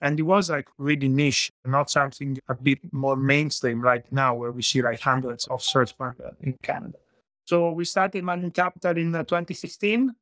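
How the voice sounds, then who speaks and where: Guesting on a conversational interview, a search fund entrepreneur from Italy, in his forties, recounts his story in a loose style peppered with "like" and non-native grammar, in an Italian accent. His voice sits on the high side, fairly bright, in a dry recording.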